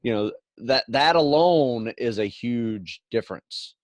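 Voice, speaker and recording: A man's voice: medium pitch, expressive, slow pace, no room sound. A middle-aged man hosting a podcast, agreeable and advising in a loose, filler-heavy way. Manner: agreeable, many "you know" fillers, advisory. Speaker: podcast host. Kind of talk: casual podcast conversation.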